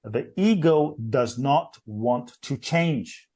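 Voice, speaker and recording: A man's voice: mid-range voice, expressive, takes it slowly, darkish tone. A man speaking as a guest on a radio show, giving an emphatic motivational talk that repeats phrases in lists.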